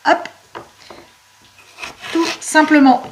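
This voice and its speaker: A woman hosting a home cooking show, chatting warmly and explaining each step of a recipe. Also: high-pitched, steady tone, extremely slow, a little hiss or hum. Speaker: cooking channel host. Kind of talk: cooking demonstration. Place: home kitchen.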